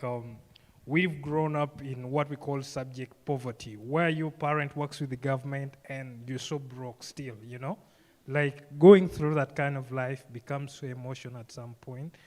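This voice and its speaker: A young Ugandan man, a programme graduate, gives an informal personal speech live on stage in an event hall, and the sound reverberates around the room. Speaking at a medium pitch, he tells his story conversationally, often saying "you know" and "like."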